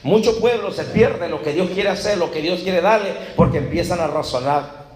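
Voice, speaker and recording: A Mexican preacher giving a sermon, asking the congregation questions and acting out Bible dialogue. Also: male voice, sits high, normal speed, a little mellow. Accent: Mexican Spanish. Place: church hall. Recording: echoey church room.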